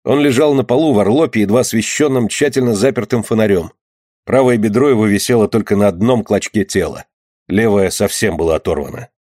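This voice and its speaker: A man reading an audiobook aloud in a measured, steady narrating voice. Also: fairly low pitch, no room sound, clean studio sound.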